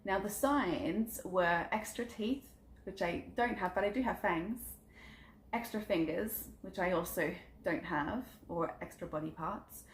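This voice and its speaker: Speaking a little slowly in a fairly low voice, a woman around thirty who works as a psychic content creator chats earnestly in a vlog introduction, telling family and spiritual stories and saying um often. There's slight hiss or hum, roomy echo, and faint background ambience.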